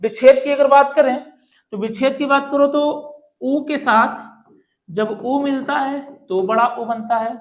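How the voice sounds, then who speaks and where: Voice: high-pitched, measured pace. Grammar teacher, exam-prep lesson, explains step by step, asks and answers own questions, keeps checking in. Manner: explains step by step, often checking in with "ठीक है" and "दोस्तों". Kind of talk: exam-prep lesson walking through multiple-choice questions.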